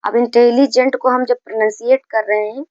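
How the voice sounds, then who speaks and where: A woman with a Hindi accent teaching an English grammar lesson, explaining slowly, repeating herself and correcting her own slips as she goes. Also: fairly high pitch, steady tone, darkish tone, no room sound, highs cut off. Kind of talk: classroom-style grammar lesson.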